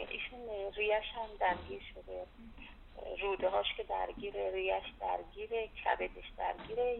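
A gravelly older woman speaks over a landline phone line, asking a doctor for advice and agreeing readily. The sound is thin and tinny. A faint hiss runs underneath. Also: mid-range voice. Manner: agreeable, keeps affirming. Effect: heard over a landline phone line. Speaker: wife of a patient, caller. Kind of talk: phone consultation.

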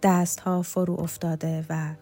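A woman narrating a novel in a measured, even storytelling voice. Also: lowish voice, over loud music. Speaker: audiobook reader. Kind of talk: scripted narration.

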